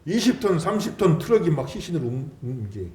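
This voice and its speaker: A man preaching a sermon as pastor, dramatic, acting out mocking taunts and swinging between loud and soft. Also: fairly high pitch, sing-song, fairly quick. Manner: dramatic preaching with mocking quoted taunts, swelling and dropping loudness. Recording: echoey church hall.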